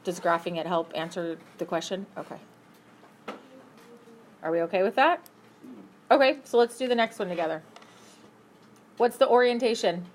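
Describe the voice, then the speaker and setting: A woman teaching a math class, brisk and upbeat, asking her students questions as she works through problems. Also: fairly low pitch, animated, a little hiss or hum. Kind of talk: classroom lesson.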